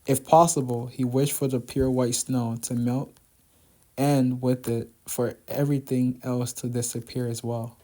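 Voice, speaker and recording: Sex: man. Role: manga reader. Style: reading a manga aloud. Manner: subdued, slow. Pitch: middling. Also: flat delivery, dark tone.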